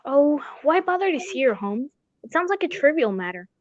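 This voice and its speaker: A woman's voice: high voice, big pitch swings, normal speed, no echo, highs cut off. A woman playing a genteel, mildly fussy doctor, the detective's loyal friend, in a radio drama. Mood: mildly exasperated.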